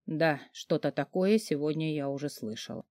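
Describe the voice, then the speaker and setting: A woman reading an audiobook, voicing a feverish, sarcastic, crude hulking man in a low, hoarse, husky voice with a gruff, mocking manner. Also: normal speed, darkish tone, no room sound, clean studio sound, natural voice. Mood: weary. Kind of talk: audiobook character voice.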